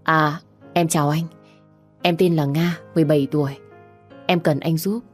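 A woman voicing a bold, scheming seventeen-year-old girl who speaks in a brisk, forward way, in a storybook reading. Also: low voice, fairly even intonation, breathy edge, faint music behind.

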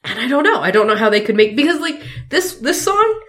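A woman's voice: fairly high pitch, very animated, a little fast, fairly bright tone. A woman in her thirties co-hosting a podcast, chatting casually with lots of fillers and frequent laughter. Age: 30s. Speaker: podcast co-host. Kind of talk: casual chat.

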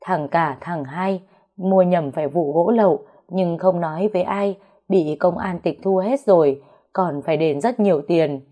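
A woman's voice: lowish voice, unhurried, warm tone. A woman voicing an older mother who is crying over her family's ruin. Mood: distraught.

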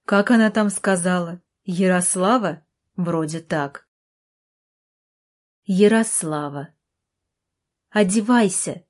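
A woman narrating an audiobook in a steady storytelling voice. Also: fairly low pitch, slow, pauses often. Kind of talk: scripted narration.

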